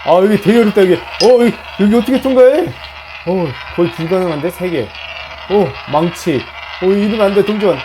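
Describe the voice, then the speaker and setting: A man's voice: sits high, fairly quick, noisy background. A man hosting a gaming channel, giving playful commentary on mobile games as he plays, yelping and groaning at misses and cheering at wins. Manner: excitable, yelps and groans at failures, cheers at wins. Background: game music.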